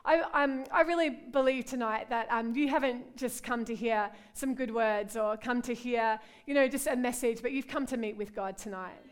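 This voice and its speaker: Speaking with an Australian accent, this middle-aged woman pastor delivers a heartfelt sermon and prayer to a women's gathering, warmly calling on "God" and "Lord" again and again. She talks at a moderate pace with hardly any pauses, in a slightly high, clear and resonant voice.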